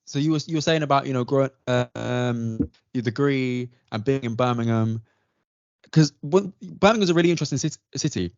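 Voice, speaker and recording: A man hosts a casual podcast chat and asks earnest, thoughtful questions. His voice has a medium pitch. The sound is dry and close, with a dull lo-fi quality. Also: a little fast, a little mellow, no room sound. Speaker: podcast host.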